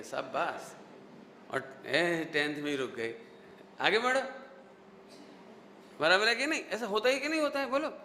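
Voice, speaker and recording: A man with a high, bright, ringing voice preaches to a seated crowd and keeps firing questions back at his listeners. He repeats key phrases on purpose so they stick. His voice echoes through a large hall over a faint hiss. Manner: drills the audience with repeated rhetorical questions. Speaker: Jain scholar giving a lecture. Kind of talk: sermon with questions to the audience.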